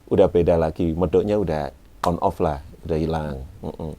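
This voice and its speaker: A man in his forties with a Malang Javanese accent talks in a low, mellow voice at a moderate pace, his intonation fairly even. He's a guest in a relaxed interview, an event MC and former radio announcer, poking fun at himself and dropping in Javanese words.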